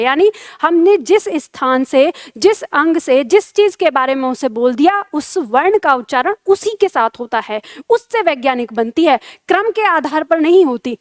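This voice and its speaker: A woman's voice: high-pitched, dry recording, studio quality. A woman teaching Hindi grammar in a lecture. She asks questions and answers them herself, and has the listeners say the sounds aloud. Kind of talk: classroom lecture.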